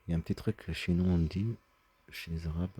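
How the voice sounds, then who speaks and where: A man's voice: low voice, steady tone, brisk, dark tone, slightly rough. A man talking in a rambling personal monologue, agitated and often stumbling over and repeating his words. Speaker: vlogger.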